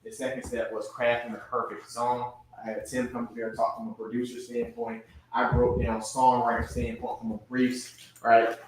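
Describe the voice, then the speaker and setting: A man's voice: mid-range voice, flat delivery, moderate pace. Slangy man leading a workshop in an echoey room. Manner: loose, slangy, explains step by step. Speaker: workshop host. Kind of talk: casual workshop talk. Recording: roomy echo, faint background noise.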